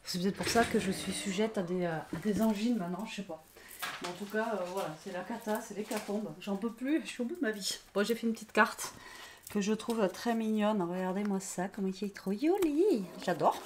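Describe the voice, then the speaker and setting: Hoarse woman vlogging casually. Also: mid-range voice, brisk, noisy background. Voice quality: hoarse, raspy voice. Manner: rambling, many fillers, talks to her pet. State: tired, worn out. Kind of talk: casual vlog chat.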